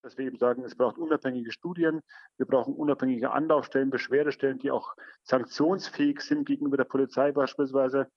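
A man's voice: medium pitch, steady tone, fast, slightly rough, dry recording. A man interviewed as an activist, explaining his points with frequent fillers. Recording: dull lo-fi audio.

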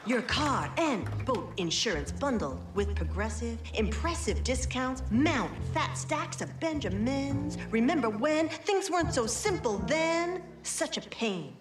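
A woman's voice: fairly high pitch, very animated, a little slow. A quirky female beat-poet saleswoman in a radio commercial. Her intonation is theatrical and swings widely, in a roomy space with music behind. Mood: mock-poetic. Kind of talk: spoken-word poetry parody in an ad.

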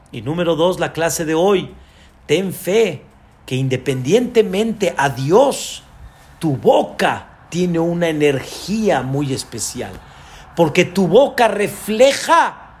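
A man giving a Torah class as a rabbi, addressing listeners directly with rhetorical questions and emphatic repetition. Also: high voice.

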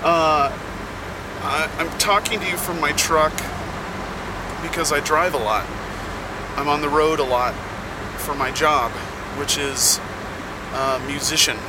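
A man hosting a podcast as a casual, rambling, halting monologue from inside the cab of a truck. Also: on the high side, steady tone. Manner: slow, halting delivery with many pauses. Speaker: podcast host; touring musician. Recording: loud vehicle noise in truck cab. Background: loud vehicle and air noise.

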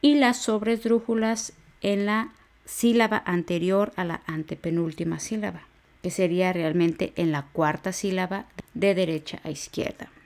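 A woman's voice: on the low side, fairly even intonation, a little mellow. A woman hosting an educational podcast, giving a spoken grammar lesson and breaking words down syllable by syllable. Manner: slow, syllable-by-syllable spelling out of words. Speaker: podcast teacher for exam preparation.

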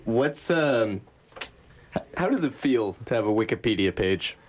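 A man's voice: mid-range voice, a little slow, slight background noise. A man co-hosting a casual podcast and asking playful questions. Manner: relaxed, asks playful questions. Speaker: podcast co-host.

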